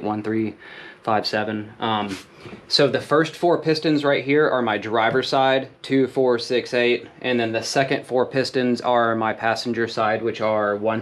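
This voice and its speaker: A man in his thirties with a mid-range, slightly bright voice rambles casually, full of fillers, as he explains hands-on repair work in a small wooden workshop. He's a DIY mechanic vlogger recorded on his camera mic while working, and there's a little hiss or hum.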